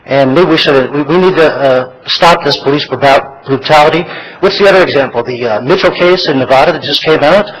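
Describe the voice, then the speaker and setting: Halting higher-pitched man at public comment. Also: a bit bright, low-quality recording. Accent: American. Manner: halting, stumbling, repeats and breaks off words. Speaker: public commenter at a county meeting. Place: public meeting room, speaking to a board.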